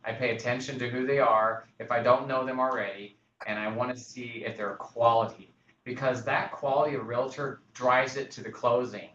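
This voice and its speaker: A man's voice: medium pitch, steady tone, moderate pace, fairly bright tone. A man who works as a real estate broker, talking in a casual podcast discussion and acting out phone calls as he tells stories. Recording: roomy, distant, dull sound with faint noise.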